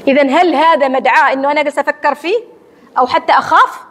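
Fast-talking Omani woman lecturing. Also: high voice. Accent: Omani Arabic. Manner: lively teacherly, asks and answers own questions. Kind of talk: religious lecture to women. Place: large mosque hall. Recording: long hall reverb.

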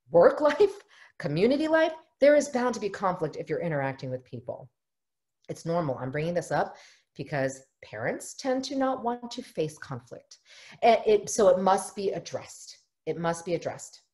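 A middle-aged American woman, a family therapist, runs an online workshop from her home office, heard through the webcam of a video call. Her mid-range voice is very animated and a little mellow, moving at normal speed. She is earnest and explanatory and often acts out the voices she quotes.

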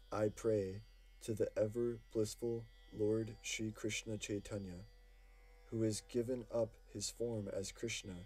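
A man with a lowish, mellow voice reads devotional verses for an audiobook, slow and reverent. His tone is a little husky, and faint instrumental music plays underneath. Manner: slow, measured, reverent delivery. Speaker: audiobook reader. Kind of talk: devotional scripture reading. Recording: music playing faintly behind.

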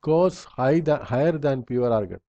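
A man's voice: medium pitch, expressive, a little slow, warm tone, no room sound, highs cut off. A man instructor reading slide bullet points aloud in a recorded lecture, in short fragments with small slips and restarts.

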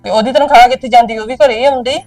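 An actress playing a proud, offended middle-aged village aunt who talks in a reproachful, insistent way. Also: female voice, a little high, fairly even intonation, very fast, a little mellow, dry recording, faint music behind, lightly acted. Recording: distant from mic.

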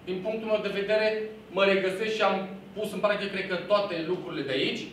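A man's voice: high voice, steady tone, fairly bright tone. A man teaching a sales training course in a direct, authoritative tone, listing traits one by one. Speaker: real estate sales coach. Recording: roomy echo, distant mic, faint hum.

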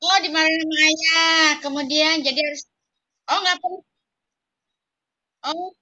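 A young woman leads an online kindergarten class, speaking slowly and coaxing the children in a playful singsong. Her voice sits high and sounds bright, and the audio is dull and lo-fi like a video call. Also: fairly even intonation. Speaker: kindergarten teacher.

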